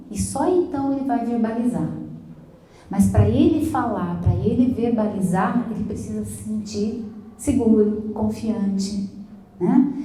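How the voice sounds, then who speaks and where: Warm-voiced teacher in an echoey room. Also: female voice, mid-range voice. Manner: explanatory, keeps tagging sentences with "né?", mixes in English words. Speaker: English teacher at a school. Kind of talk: talk to parents.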